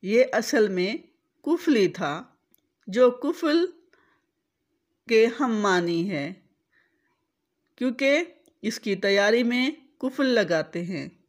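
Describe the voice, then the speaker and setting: Slow, deliberate teacher woman. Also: on the high side. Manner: spells out vowel marks letter by letter, repeats words. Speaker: Urdu pronunciation teacher. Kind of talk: slow, deliberate instructional explanation.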